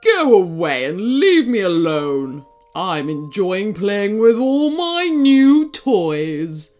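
A giant, selfish snow monster bellows and taunts in a slow, drawn-out voice, voiced by a woman reading a storybook. His pitch dips low, and faint music sits underneath. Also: very animated, darkish tone. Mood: taunting. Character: giant grumpy male snow monster, villain.

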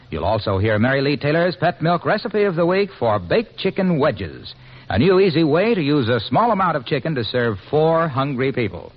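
Man announcing on an old broadcast disc. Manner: brisk, upbeat sales pitch. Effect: old broadcast disc recording. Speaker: radio announcer. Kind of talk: 1940s radio commercial read. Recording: dull lo-fi old radio transcription.

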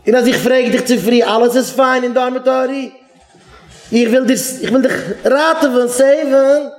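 A man, a rabbi giving an animated talk to yeshiva students, acting out little dialogues and mixing in English words. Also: very high voice, moderate pace.

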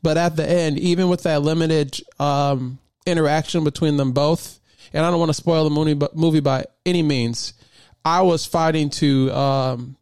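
A man's voice: a little high, a little mellow, clean tone, no echo, studio quality. A man hosting his own podcast, talking casually and enthusiastically, rambling with lots of fillers and restarts. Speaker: podcast host. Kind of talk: casual solo podcast talk.

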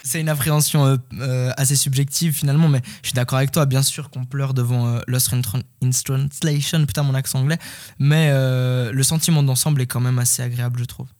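A man co-hosting a film podcast in a mid-range voice. He talks in a measured, thoughtful way and pauses often on fillers. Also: mid-range voice, fairly even intonation, darkish tone. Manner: measured, lots of filler hesitations. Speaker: podcast co-host. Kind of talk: casual chat.

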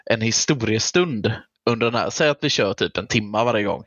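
A man's voice: on the low side, fairly bright tone, no echo. A man, chatting casually as a podcast co-host on a slightly muffled microphone. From Gothenburg, Sweden. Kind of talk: casual chat.

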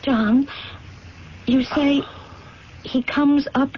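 An actress playing a gentle, anxious wife in a radio drama, hesitant and pleading, on a muffled old recording. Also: female voice, sits high, fairly even intonation, very slow, slight background noise. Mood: anxious, coaxing.

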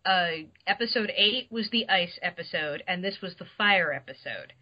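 A woman's voice: lowish voice, lively intonation, normal speed, lo-fi sound. A woman speaking casually as a guest on a podcast.

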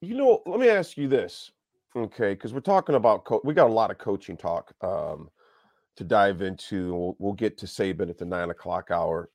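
A man hosting a sports radio show from a studio, chatting loosely with halting restarts. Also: fairly low pitch, animated, a little mellow, dry recording. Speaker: radio host. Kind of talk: casual sports radio talk.

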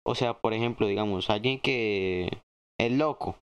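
A young man, co-hosting a casual chat, slangy and excitable, jumping up in pitch when he jokes. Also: measured pace, clean tone. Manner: slangy, excitable, swings his pitch high when joking. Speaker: podcast co-host.

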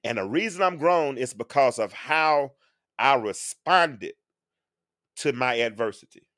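A man's voice: medium pitch, expressive, a little slow, fairly bright tone, no room sound, clean studio sound. A man in his forties hosting a live-stream talk, speaking earnestly like a preacher and now and then singing a phrase. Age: 40s. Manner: earnest, sermon-like, with sung phrases. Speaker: show host being interviewed.

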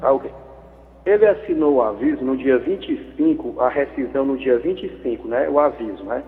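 A man's voice: mid-range voice, brisk. A man calling a radio show over a landline phone. He chats in a chummy, jokey way and rambles, repeating words as he goes. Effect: over a landline phone line. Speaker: radio caller. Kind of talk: casual call-in chat. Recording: tinny phone line with long echo.

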